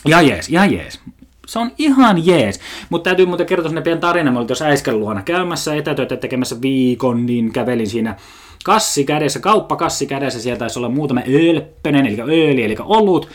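A man's voice: medium pitch, expressive. Young guy ranting solo, swears a ton, rambles from one gripe to the next. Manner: swears a lot, rambling comic rant. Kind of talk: casual ranting monologue.

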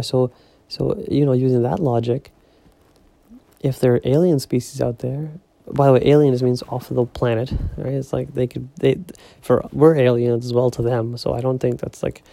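A young man hosting a casual solo podcast, rambling with lots of fillers and keeping his voice low so he won't wake others at home. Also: vocal fry, no echo. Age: young adult. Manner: rambling, filler-heavy, talking softly so as not to wake others. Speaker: podcast host. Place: home at night.

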